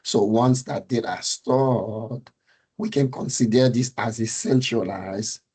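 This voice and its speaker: A middle-aged man from Haiti with a Creole and French accent, giving a technical presentation on a call, halting with many fillers, just getting over a cold. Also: medium pitch, a little mellow, slightly rough. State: recovering from a fever and cold. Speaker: meetup speaker, data architect.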